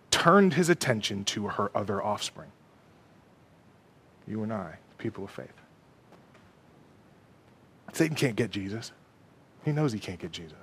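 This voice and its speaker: A man's voice: fairly high pitch, a bit bright. A man preaching a sermon emphatically, asking rhetorical questions and checking in with "okay?".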